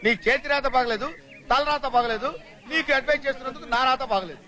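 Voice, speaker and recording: A shrill, teasing comic teacher. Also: male voice, pushed and bright. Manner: joking, mocking, rapid banter. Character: boisterous teasing male teacher giving love advice. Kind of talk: comic film dubbing.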